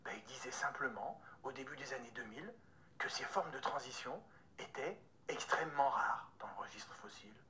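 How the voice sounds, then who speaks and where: A woman voicing a calm, knowledgeable man who explains things patiently in a hushed, half-whispered voice. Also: extremely low pitch, moderate pace, crowd noise, pitched below the performer's own voice.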